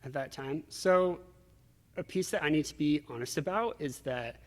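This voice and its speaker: Being interviewed as a guest, a man tells personal stories in a reflective, casual way, acting out little asides. His voice is on the high side at a moderate pace, and the recording has a reverberant, hall-like echo.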